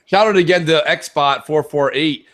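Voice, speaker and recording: A man co-hosting a casual gaming podcast chat, laid-back and quick to agree with his co-host. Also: a little high, a bit bright, slight background noise.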